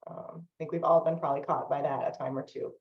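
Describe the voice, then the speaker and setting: A woman's voice: low voice, fast talker, dull audio. Woman trainer on distant echoey webinar audio. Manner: steady explanatory delivery with frequent um fillers. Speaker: software trainer. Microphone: video call microphone.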